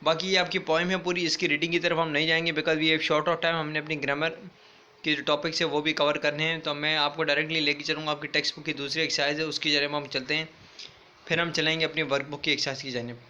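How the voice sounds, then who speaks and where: A man's voice: on the high side, little pitch movement, fast talker, pushed and bright, highs cut off, a little hiss or hum. A male school English teacher giving a recorded class lecture. He speaks patiently, repeats himself, spells words out letter by letter and keeps checking in with his students. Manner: patient, repetitive, checks in with "theek hai" often.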